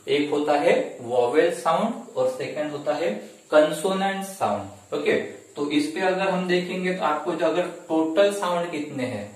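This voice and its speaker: A man's voice: on the high side, unhurried. A male teacher giving an exam-prep grammar lesson, repeating each point and asking and answering his own questions, often saying "okay". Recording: very echoey room, mic far off.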